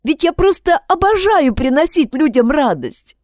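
A woman's voice: high voice, sing-song, moderate pace, a little mellow, no room sound, clean studio sound, pitched above the performer's own voice. A woman voicing a tearful schoolgirl thief. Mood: confessing. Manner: pleading, sobbing outbursts. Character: distraught teenage schoolgirl, guilty and tearful. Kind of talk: audiobook character voicing.

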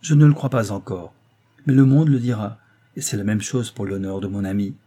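A man reading aloud voices a stern doctor, speaking with grave, calm authority. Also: fairly low pitch, fairly quick, lightly acted. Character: stern calm male doctor, family friend.

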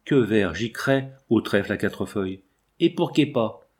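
A man's voice: lowish voice, expressive, a little slow, darkish tone, husky. A man voicing a fearful, superstitious old peasant woman in a storybook reading, with an anxious, lamenting manner.

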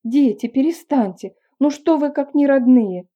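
Woman putting on a fussy cheery mom, higher voice, slightly muffled recording. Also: a little slow, mellow. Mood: fussing. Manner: lamenting, fussy. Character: fussing cheerful mother, middle-aged.

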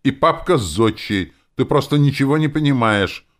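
Fiery young elf woman, indignant, high and lively for a male narrator. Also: a little fast.

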